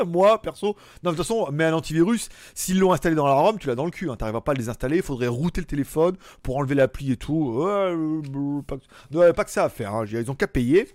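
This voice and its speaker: A man's voice: on the high side, lively intonation, a little fast, darkish tone, no room sound. A man hosting a live stream, casually chatting and reading out viewer comments, joking and chuckling often in rambling asides.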